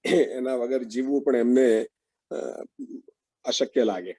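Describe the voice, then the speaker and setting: A man's voice: mid-range voice, warm tone, husky, no room sound. A man leading an interactive online teaching session over a video call, asking the group questions and affirming their answers. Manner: slow, questioning, frequent affirming murmurs. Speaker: workshop facilitator.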